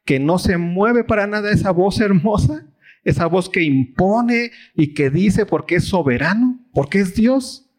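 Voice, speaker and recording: Mexican pastor, chatty preaching. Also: male voice, animated, measured pace, a little mellow. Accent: Mexican Spanish. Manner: conversational, asks the audience rhetorical questions; acts out quoted voices with big pitch swings. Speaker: pastor teaching a Bible study. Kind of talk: casual sermon.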